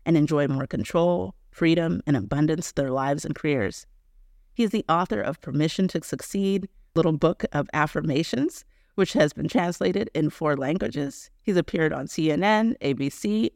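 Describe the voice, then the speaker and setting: A woman's voice: low-pitched, darkish tone, no echo, clean studio sound. A woman hosting an interview, giving introductions and putting questions to her guest. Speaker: interview host.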